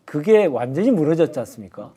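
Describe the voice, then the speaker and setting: Brief: male spokesman guest, slightly high voice with a warm, mellow tone, deliberate and reflective. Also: big pitch swings. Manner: measured, thoughtful, with hesitant fillers. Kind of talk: political panel talk.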